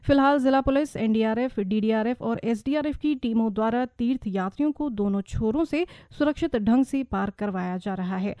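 A woman reading a regional radio news bulletin in a steady, measured, formal manner. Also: a little high, no echo. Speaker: news reader. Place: radio studio.

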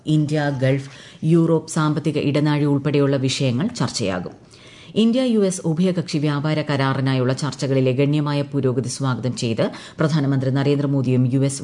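A woman reading a formal news bulletin in a measured way, letting her sentences fall at the ends. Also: deep voice, warm tone. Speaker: newsreader.

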